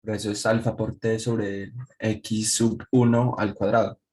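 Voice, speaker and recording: A young man with a Colombian Spanish accent answers his teacher's questions in class. He speaks hesitantly, in a fairly low voice. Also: little pitch movement, a little slow, a little mellow. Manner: hesitant, tentative. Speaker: student.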